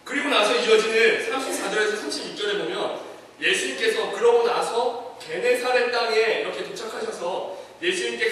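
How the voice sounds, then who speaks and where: Earnest male preacher, very high and bright voice, heard from a distant mic in a long-reverb church hall. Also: slight background noise. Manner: earnest, conversational, often affirms with short "yes". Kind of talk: sermon.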